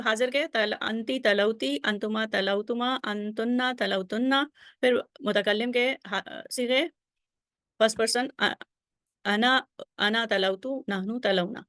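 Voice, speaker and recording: A woman teacher with a fairly high voice talks over lesson slides, patiently chanting verb conjugations in steady rows. She pauses often to check that the listener is following. The sound is close and dry, with no room around it. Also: no echo. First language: Urdu. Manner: patient, drills conjugations aloud with frequent check-ins. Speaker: Arabic grammar teacher.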